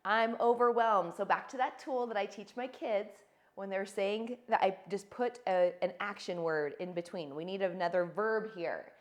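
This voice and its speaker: A woman's voice: mid-range voice, moderate pace. Earnest woman coaching in casual talk. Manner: earnest, conversational, acts out sample self-talk. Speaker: fitness and emotional health coach. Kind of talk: casual teaching to camera.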